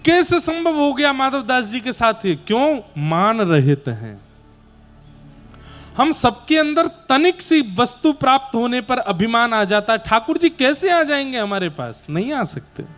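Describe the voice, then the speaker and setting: A man's voice: very high-pitched, big pitch swings, a bit bright, soft background music. A man telling devotional stories as a preacher in a sermon, addressing a gathering. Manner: unhurried, preaching to a gathering, breaking into devotional song. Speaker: katha preacher.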